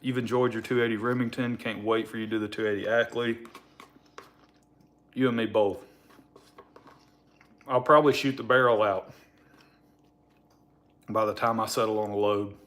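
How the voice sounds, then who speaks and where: Man, fairly low pitch, mumbled marbles-in-mouth diction, rambling, informal livestream chat. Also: steady tone, normal speed, pauses often, fairly bright tone. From Alabama, United States. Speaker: livestream host.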